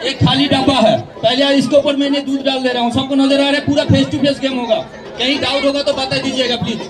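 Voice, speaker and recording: A man's voice: extremely high pitch, flat delivery, quick pace. A man doing live stage patter in the showy manner of a kids party magician, calling to volunteers and the audience. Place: tented outdoor stage. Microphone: handheld mic through PA, filmed from audience. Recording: echoey PA, loud crowd and music.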